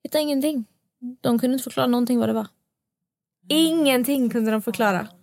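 Young podcast host, higher voice, dry booth sound, animated storyteller. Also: female voice, vocal fry, no room sound. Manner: animated storytelling, acting out quotes. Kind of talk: casual podcast chat.

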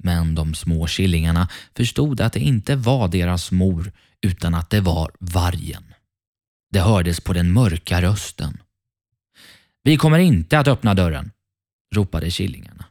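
A man narrating a fairy tale for children in a calm, friendly, measured way. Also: deep voice, no echo, clean studio sound. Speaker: children's storyteller.

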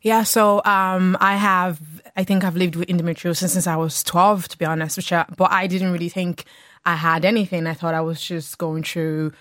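A woman's voice: on the low side, flat delivery, normal speed, a bit bright, no echo, clean studio sound. A woman giving a candid, plain-spoken personal account as a guest in a radio interview. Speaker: guest, technology developer.

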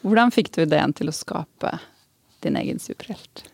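A woman interviews a guest with lively, teasing questions. Her voice is low with a strong gravelly fry. It is recorded close and dry. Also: no echo. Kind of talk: conversational interview.

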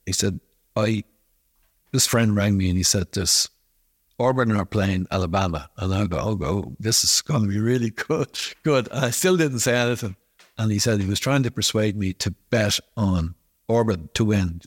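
A man's voice: low-pitched, no room sound, studio quality. A man telling an anecdote, acting out both sides of a conversation. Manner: halting storytelling, quoting dialogue back and forth. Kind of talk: anecdote told in an interview.

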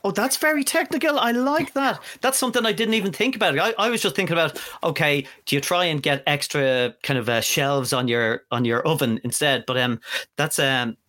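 A man's voice: on the high side, fairly quick, sharp tone. Laid-back jokey man podcast co-host. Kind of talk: casual chat.

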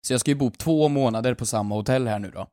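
A young man, a podcast co-host telling a lively story in casual chat and swearing freely. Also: mid-range voice, no echo, studio quality.

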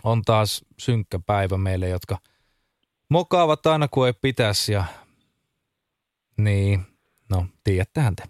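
A man voicing a gloomy radio host who always messes up, speaking slowly and glumly. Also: on the low side, lively intonation, dry recording, clean studio sound, close to an everyday voice.

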